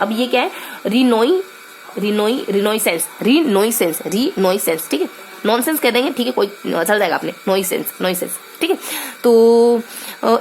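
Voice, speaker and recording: A woman's voice: a little high, a little hiss or hum. Chatty young woman teaching with memory tricks. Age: young adult. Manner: chatty and playful, thinking aloud with many fillers. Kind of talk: casual Hindi lesson with memory tricks.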